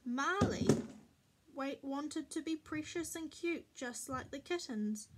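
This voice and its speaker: A woman reads a children's picture book aloud in a slow, clear, expressive storytelling voice. Her pitch sits high, and she takes her time over every line.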